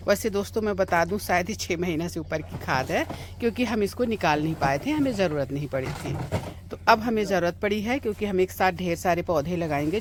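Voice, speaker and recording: A woman's voice: lowish voice, background noise. A woman gardening vlogger outdoors in her home garden in hot sun, chatting casually and explaining each step to her viewers. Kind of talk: casual how-to vlog.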